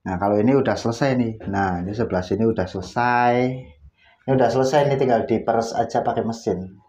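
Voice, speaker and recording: A man hosts a casual laundry how-to from his home laundry area indoors, going through each step as he works. He talks fast in a mid-range voice that's a little mellow.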